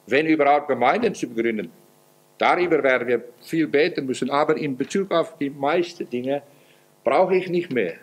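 A man preaching a sermon as pastor, earnest, his voice swinging up and down in pitch and loudness. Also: normal speed. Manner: acts out quoted prayers in a pleading voice.

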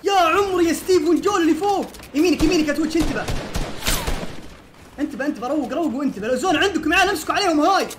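A man, streaming a game and calling out to his teammates with urgent repeated commands that burst into excited shouting. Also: very high voice, rapid-fire, noisy background. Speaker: gaming streamer. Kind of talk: live game commentary to teammates. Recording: loud game music under voice. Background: game music and gunfire.

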